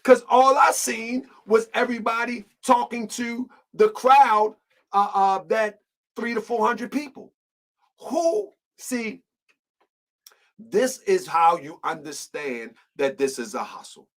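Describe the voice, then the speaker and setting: A man's voice: high voice, takes it slowly, a bit bright, rough recording. A man hosting an online show, delivering an impassioned commentary monologue full of rhetorical questions and repeated phrases.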